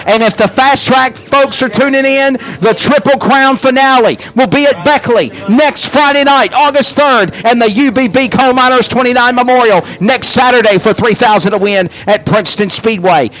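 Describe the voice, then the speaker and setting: High-pitched male hype race announcer. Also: fairly bright tone, rough recording. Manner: hype announcer delivery, rousing and drawn-out. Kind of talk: live dirt-track racing commentary. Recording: track noise behind the voice.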